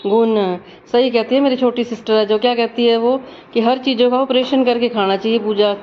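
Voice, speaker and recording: A woman's voice: fairly high pitch, fairly even intonation, fairly quick, muffled recording, a little hiss or hum. A woman with a head cold chatting casually to her viewers in a home vlog, talking straight to the camera. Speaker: home vlogger. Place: home, kitchen and house.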